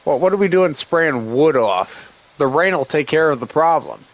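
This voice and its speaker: A gaming streamer with a fairly high, animated voice talks at a moderate pace over a low-quality recording. During casual livestream commentary he sarcastically grumbles and talks back to the game's characters, still recovering from a cold with a lingering cough.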